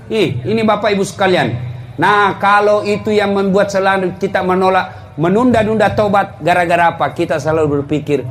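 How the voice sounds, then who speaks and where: Male preacher, high-pitched, comic storyteller who swings from booming to hushed, faint background noise. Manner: humorous storytelling, jumps from loud exclaiming to low confiding tones. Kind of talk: comedic sermon. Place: before a live congregation.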